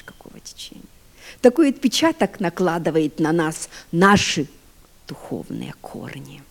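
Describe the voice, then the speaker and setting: Woman, 50s, preacher; dark, husky voice, dynamic sermon delivery that drops to near-whispers. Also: medium pitch. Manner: dynamic, swinging from loud emphasis to hushed near-whispers; asks the congregation rhetorical questions.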